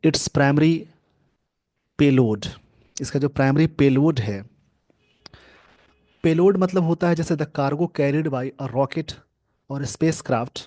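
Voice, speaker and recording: A man teaching English grammar from a newspaper, explaining slowly and repeating key words. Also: medium pitch, darkish tone. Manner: slow, repetitive explaining, mixing English terms into Hindi.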